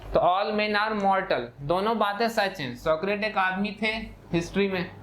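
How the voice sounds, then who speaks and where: A man's voice: high voice, measured pace, fairly bright tone, a little hiss or hum. A man teaching a math class, explaining step by step in a patient lecture style, often checking in with "okay" and switching into for key terms. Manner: explanatory, repeats "ठीक है" often, mixes English terms in.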